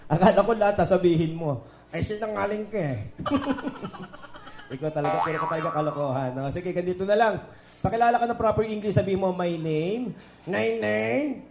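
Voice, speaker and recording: The magician at this children's party is a man with a high-pitched voice who races through his lines, teasing guests and leading cheers. He jokes and coaxes kids and guests in lively banter. Speaking into a handheld microphone through the PA at an indoor venue, he sounds echoey against the party music.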